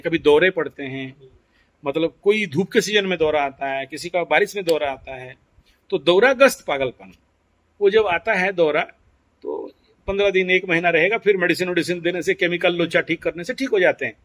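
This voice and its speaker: Lecturing man with a higher voice. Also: fairly bright tone. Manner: mixes in English phrases, asks rhetorical questions. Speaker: astrology teacher. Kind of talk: explanatory lecture.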